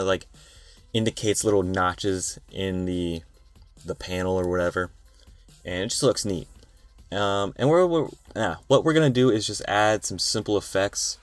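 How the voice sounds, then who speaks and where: A young man hosting a screen-recorded design tutorial, talking in a tired, relaxed, rambling way. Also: low voice. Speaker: tutorial host.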